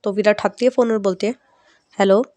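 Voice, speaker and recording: A woman's voice: medium pitch, steady tone, rapid-fire, darkish tone, dry recording. A woman narrating a story casually, with frequent fillers. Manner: conversational, repetitive fillers like ठीक है.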